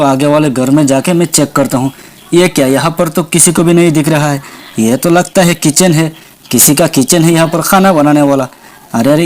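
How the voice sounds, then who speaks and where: A man's voice: a little high, darkish tone, close to an everyday voice. Frantic witch, as a man puts her on. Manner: frantic, repeated exclamations and threats. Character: menacing female village witch hunting her baby. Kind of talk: toy doll storytelling.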